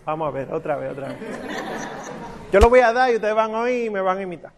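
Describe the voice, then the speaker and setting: A man's voice: high voice, sing-song, fast talker, noisy background. A man teaching a congregation to chant, patiently coaching their pronunciation syllable by syllable. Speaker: liturgical chant instructor.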